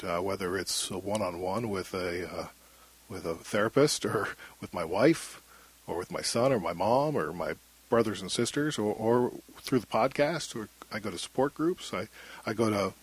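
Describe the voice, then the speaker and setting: A middle-aged man talks candidly as an interview guest. His voice is fairly low, thin and husky. He speaks in a halting, reflective way, as a storyteller would. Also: animated. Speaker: interview guest, former radio broadcaster.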